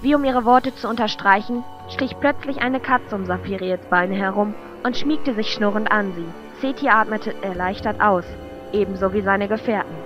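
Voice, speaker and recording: A woman reads scripted narration as the storyteller of a fantasy audio drama. Her voice is mid-range and natural, at a normal speed. The amateur recording is muffled and lo-fi, with loud music in the background.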